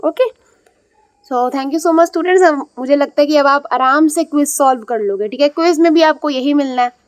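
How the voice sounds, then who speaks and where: A woman's voice: sits high, normal speed, no room sound. A woman teaching young students English reading, explaining patiently and checking in often. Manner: patient, repeats and checks with "ठीक है".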